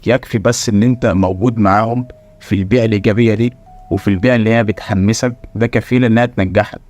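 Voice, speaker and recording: A man's voice: lowish voice, a little mellow. A man with an Egyptian Arabic accent hosting a motivational channel, talking bluntly and preachily to the viewer and firing rhetorical questions.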